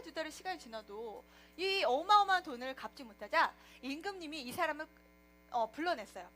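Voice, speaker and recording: A woman preacher telling a Bible story to children in a lively way, often asking them questions. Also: sits high. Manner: animated, asks the children questions.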